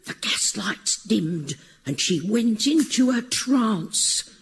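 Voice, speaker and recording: A man's voice: sits high, expressive, takes it slowly, gravelly, fairly bright tone, a little hiss or hum, exaggerated voice. A man voicing a blunt, gossipy middle-aged female housekeeper in a comic radio play. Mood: chatty. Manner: chatty and blunt.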